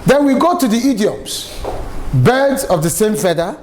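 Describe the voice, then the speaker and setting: With a high-pitched, very animated voice at a measured pace, a middle-aged man from Lagos, Nigeria, gives a lively, emphatic public-speaking lecture full of stories. Background noise is audible.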